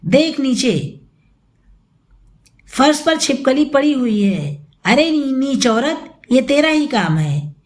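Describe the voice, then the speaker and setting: Brief: woman reading a scornful young man in an audio story, harsh, high-voiced reading. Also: big pitch swings, slow pace, full character voice. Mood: angry.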